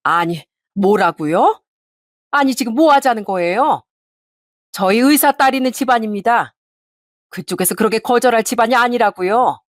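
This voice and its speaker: A woman voicing a snobbish, furious middle-aged mother of the bride who scolds and shouts with contempt. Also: fairly high pitch, lively intonation, moderate pace, no echo, studio quality, natural voice. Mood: indignant.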